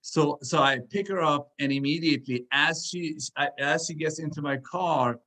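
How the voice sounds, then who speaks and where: A man's voice: on the high side, normal speed, pushed and bright. A man born in Iran and raised in Sweden, giving a casual motivational talk full of fillers and restarts. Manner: rambling, many fillers and restarts. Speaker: speaker at a business event.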